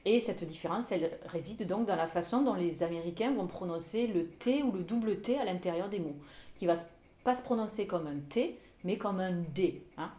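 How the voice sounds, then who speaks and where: A woman's voice: medium pitch, expressive, normal speed, mellow. Woman teaching pronunciation, echoey room. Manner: hesitant with many fillers, demonstrates words twice. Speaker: English teacher. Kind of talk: anecdote and pronunciation lesson.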